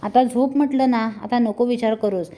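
A woman's voice: a little high, fairly even intonation, normal speed, mellow, lightly acted. A woman reading the lines of a remorseful, protective young husband, in a pleading and firm manner. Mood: gentle. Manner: pleading, then stern and protective.

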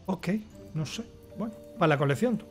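Slightly high-voiced Castilian Spanish man gaming. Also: animated, normal speed, faint music behind. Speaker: gamer playing and commenting. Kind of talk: casual game commentary, reading in-game text aloud.

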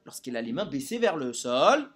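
A man's voice: mid-range voice, sing-song, normal speed, fairly bright tone, husky. A man teaching a Torah lesson to a group, keeping listeners engaged with frequent rhetorical questions.

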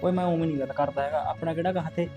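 A man playing a hushed, scheming young villager. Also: a little high, fairly even intonation, rapid-fire, music in the background, lightly acted. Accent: Punjabi. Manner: pleading, hushing, urgent. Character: scheming young man hiding a secret marriage. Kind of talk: rural village drama acting.

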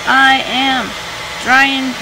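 A young woman vlogs into a phone held at arm's length, chatty and upbeat, though she's hoarse and losing her voice. Her voice is high, level and very slow as she moves through hotel rooms, a restaurant and a mall. The phone video picks up crowd chatter and room noise.

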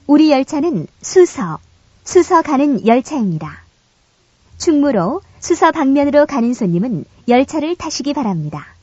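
High-voiced woman making train station announcements. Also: no room sound. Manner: formal, courteous scripted delivery. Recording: dull, lo-fi recorded train announcement.

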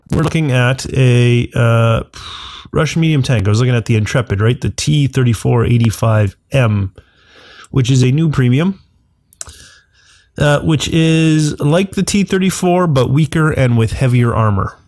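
A man's voice: medium pitch, moderate pace, darkish tone, no room sound. A man with a stuffed-up, congested voice talks casually through a video game at his computer, rambling and correcting himself as he goes. His voice sits in a middle range. The sound is dry and close, with no room around it. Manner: rambling, self-correcting, thinking aloud. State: congested from the flu. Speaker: gaming channel host. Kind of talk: casual gameplay commentary.

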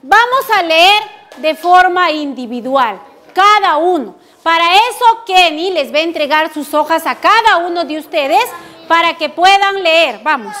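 Animated high-voiced woman teacher. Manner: animated, slow, sing-song storyteller. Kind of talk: storytelling and questioning to children. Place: rural school classroom.

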